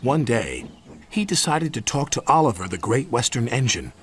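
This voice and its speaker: A man narrating a children's story in an expressive, animated style. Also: mid-range voice, normal speed, slight background noise. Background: background music.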